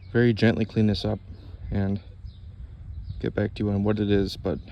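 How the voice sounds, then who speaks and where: Low, gravelly man narrating finds outdoors. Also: flat delivery, normal speed, highs cut off. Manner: casual, wonderstruck exclamations. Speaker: metal detecting vlogger. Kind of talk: casual narration of finds to viewers. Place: outdoors in a torn-out street. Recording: noisy outdoor recording with ambient sounds.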